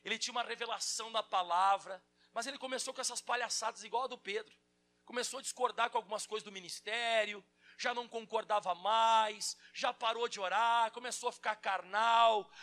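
A male pastor delivers an animated sermon, jumping into acted-out quotes and personal stories. His voice sits very high and sounds bright and sharp. He talks straight to his congregation the whole way through.

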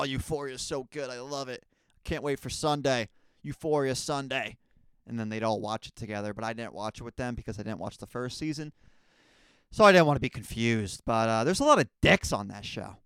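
A young man hosting a podcast, rambling through a casual comedic monologue with crude, deadpan asides. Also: mid-range voice, gravelly, clear, resonant tone, no echo, clean studio sound. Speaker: podcast host.

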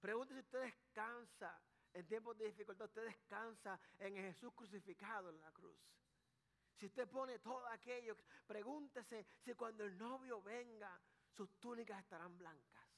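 A man's voice: high-pitched, a little slow, a bit bright, big-room sound. A man preaching a sermon as pastor, mixing folksy sayings with rising emphasis.

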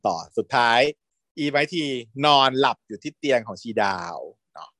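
A man retelling a series in casual chat, camp and lively, acting out the characters' lines. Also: mid-range voice, moderate pace, no room sound, studio quality. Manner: animated, camp, switches into character voices. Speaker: storyteller recapping a series. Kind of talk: casual retelling with acted quotes.

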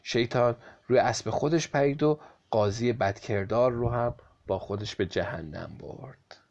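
A man reads a folk tale aloud in a calm, steady way. His voice sits at a middling pitch. The recording has a slightly dull, lo-fi quality. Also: creaky. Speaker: narrator. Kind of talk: storybook narration.

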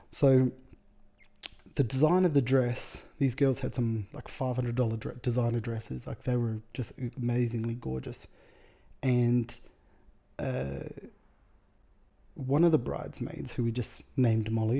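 A man's voice: medium pitch, gravelly, mellow. A man casually telling a rambling story, with lots of quoted dialogue and amused asides. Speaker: podcast host, wedding photographer.

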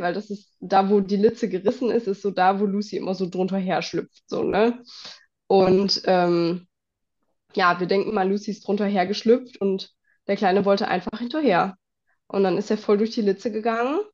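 A young woman with a slight cold telling a lively story on her podcast, with many fillers and laughs. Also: mid-range voice, muffled recording. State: has a cold, clears throat. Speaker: podcast host. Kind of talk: casual storytelling chat.

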